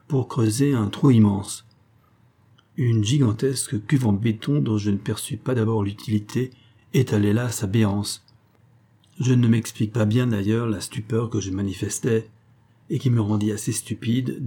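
A man reading a literary novel in the first person as an audiobook narrator, measured and reflective. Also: on the low side, mellow, husky.

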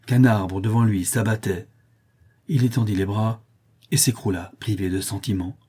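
A man narrating a classic tale in a measured, steady reading voice. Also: lowish voice, husky.

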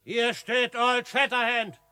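A man's voice: very high-pitched, fairly even intonation, slow pace, pushed and bright, clear, resonant tone, no echo, clean studio sound, exaggerated voice. An actor playing a bold, self-assured frontiersman in a radio drama, speaking in a commanding, formal, declamatory way. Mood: proud, threatening. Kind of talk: German radio drama acting.

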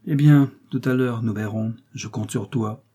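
Man playing a commanding marquis in hiding, clipped orders, low husky tone. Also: unhurried, mellow. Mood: guarded. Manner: imperious, curt. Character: commanding male nobleman in hiding, grim.

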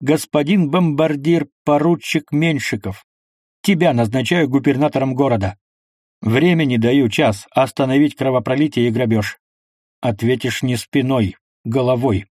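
A man voicing a furious commanding tsar who shouts slowly and sternly. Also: mid-range voice, no echo, clean studio sound, natural voice. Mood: angry commanding.

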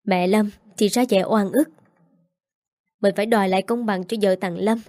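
A woman reading the part of an indignant older mother-in-law who complains loudly. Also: mid-range voice, steady tone, moderate pace, no room sound, studio quality, close to an everyday voice.

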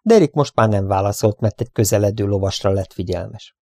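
A man reading an adventure audiobook aloud in a steady storybook narration. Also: on the low side, no room sound, clean studio sound. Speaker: audiobook reader.

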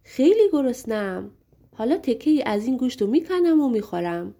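A woman's voice: a little high, dark tone. A woman voicing a blunt, hungry male giant in an audiobook fairy tale.

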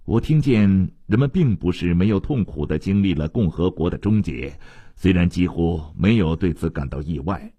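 A man reading a literary novel aloud as an audiobook narrator, in a measured, expressive storytelling manner. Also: sits low, dry recording.

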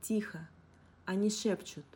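A woman voicing a calm, tender young woman who gently reassures her friend. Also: medium pitch, unhurried, background noise, pitched above the performer's own voice, lightly acted. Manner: gentle, reassuring, soft sighs. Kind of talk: audiobook character reading. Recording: guitar music underneath. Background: guitar music.

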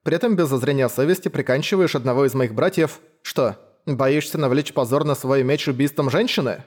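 A man's voice: mid-range voice, fairly quick, darkish tone, natural voice. A man voicing a young woman hunter who is bold and pleading, with a lilting, coaxing manner. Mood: teasing.

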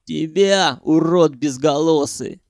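Man playing a crude, mocking tough guy; gravelly, rough-edged, storybook reading. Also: a little high, slow, darkish tone, no room sound, clean studio sound. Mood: scornful. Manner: coarse, mocking, swears freely. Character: rough, hot-headed male sewer hunter, blunt and crude.

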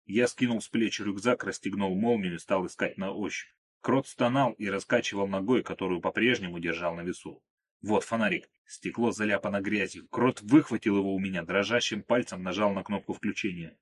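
A man narrating an audiobook in the first person, in a calm, low-keyed way. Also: a little fast.

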